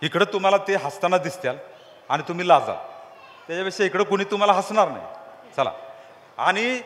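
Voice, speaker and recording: High-pitched preacher in a reverberant hall. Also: male voice, animated, a little fast, a bit bright. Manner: teasing, call-and-response questions to the audience. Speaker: preacher leading a crowd. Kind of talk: lively sermon with crowd games.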